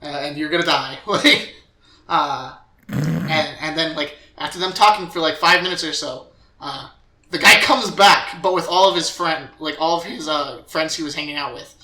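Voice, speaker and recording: Young male podcast host, bright tense tone, rambling recap, echoey room. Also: on the high side, moderate pace, a little hiss or hum. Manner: rambling recap with filler words and acted quotes.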